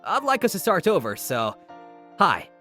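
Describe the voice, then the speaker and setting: A man's voice: sits high, huge pitch swings, moderate pace, bright, forceful tone, heavily acted. A man voicing a cocky young male hedgehog hero in a fan comic dub, casual and self-assured. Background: background music.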